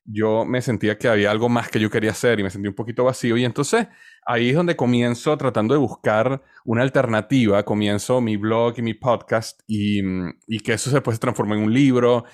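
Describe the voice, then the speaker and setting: This clip has a studio-quality, echo-free recording of a Venezuelan man in his forties, a podcast guest recounting his story. He speaks a little fast at medium pitch with a steady tone, answering conversationally but hesitantly and frequently repeating words while he searches. His accent is Venezuelan Spanish, and the talk is an interview answer.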